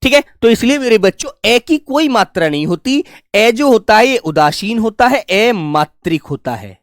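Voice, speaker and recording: Male coaching teacher, affectionate and lively in pitch, repeats drills, dry booth-like recording. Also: moderate pace, no echo. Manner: affectionate, calls listeners "my dear children"; repeats and drills sounds aloud. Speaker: Hindi teacher. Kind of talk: exam coaching lesson.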